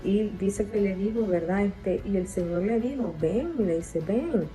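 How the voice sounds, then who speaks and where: A woman delivers a sermon in a very dark, mellow voice. She stacks repeated phrases for emphasis and keeps checking in with her listeners. Soft music plays faintly behind her. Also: mid-range voice, normal speed, low-quality recording. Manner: repetitive, emphatic preaching with tag questions. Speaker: preacher.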